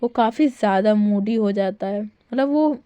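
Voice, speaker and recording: A woman's voice: mid-range voice, normal speed, dark tone, clear, resonant tone, no room sound. A woman retelling a fan-fiction story in a chatty, casual way with many fillers.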